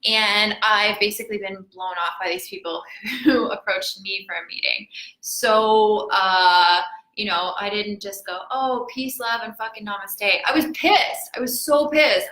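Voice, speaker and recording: A woman's voice: mid-range voice, sharp tone. A young woman, a yoga teacher, telling a candid, profane story in a casual vlog. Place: yoga studio. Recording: echoey room.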